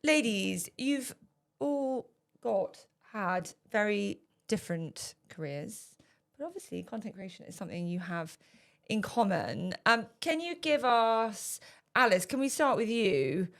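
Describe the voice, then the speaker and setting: A woman hosting a podcast, chatty and quick with questions for her guests. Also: mid-range voice, vocal fry. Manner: chatty, lively interviewer. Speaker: podcast host. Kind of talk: casual chat.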